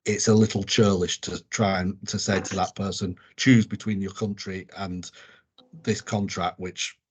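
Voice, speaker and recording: Deep and breathy-edged with little pitch movement, this English co-host chats about sports on a podcast at a measured pace. His talk wanders, packed with ums, fillers and restarts.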